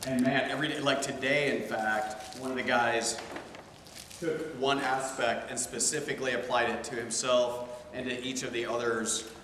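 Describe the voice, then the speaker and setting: A man's voice: medium pitch, normal speed, slight background noise. A man teaching a theology class in a casual, chatty way, wandering into stories. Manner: chatty, digressive, animated storytelling. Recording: echoey room with long reverb, faint ambience.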